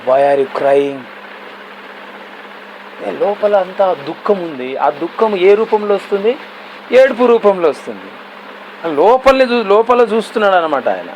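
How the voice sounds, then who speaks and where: A male pastor delivers a sermon and keeps turning to his listeners with questions. He drops English words into his speech. His voice sits high, with a faint hiss in the background. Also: very animated, moderate pace, poor audio.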